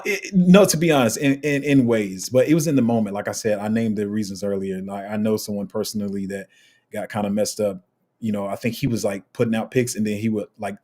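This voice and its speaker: A man hosting a crypto livestream, casually reading out viewer comments in a relaxed, rambling way with lots of fillers. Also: lowish voice.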